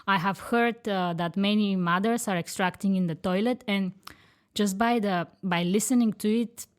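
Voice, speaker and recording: A woman in her thirties from Bulgaria, a career counsellor and podcast guest, chatting casually with hesitant pauses and fillers. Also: mid-range voice. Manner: thoughtful, hesitant with many fillers. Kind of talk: casual conversation.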